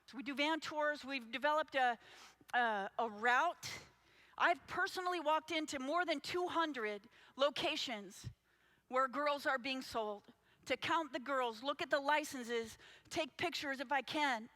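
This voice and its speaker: A woman's voice: sits high, measured pace, pushed and bright. A woman advocate giving an impassioned conference talk, urgent and speaking straight to the audience. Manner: urgent, addresses the audience directly. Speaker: anti-trafficking advocate.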